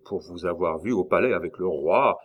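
In this audiobook, a man reads a hesitant provost who is cautious and deferential. The voice is low. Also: normal speed. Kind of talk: audiobook character reading.

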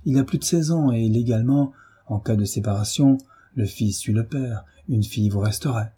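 A man's voice: mid-range voice, normal speed, warm tone, slightly rough. A man voicing a grave, caring middle-aged doctor who speaks in an earnest, urgent, persuasive way, read as an audiobook. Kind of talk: audiobook reading.

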